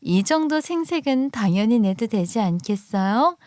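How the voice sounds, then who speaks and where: A woman's voice: a little high, lively intonation, normal speed, darkish tone, dry recording, clean studio sound, close to an everyday voice. A woman voicing a brusque, condescending young married woman in acted story dialogue. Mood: curt. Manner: brusque, dismissive, brags about herself.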